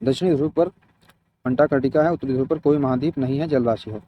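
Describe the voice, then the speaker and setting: A geography teacher preparing students for competitive exams reads through his notes at a fast clip, breaking in with short explanations. His voice is of medium pitch, and the dry recording is also muffled, dull and lo-fi.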